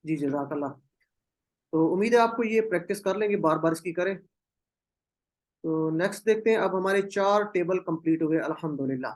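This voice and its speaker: A man teaching an online class, patiently drilling Arabic verb forms and calling on students over a video call. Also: high voice.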